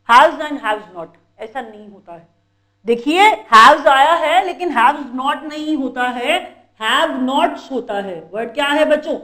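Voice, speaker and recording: A woman teacher with an Indian accent giving an exam-prep grammar lecture, explaining slowly and repeating key points to her students. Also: high voice, a bit bright. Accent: Indian English.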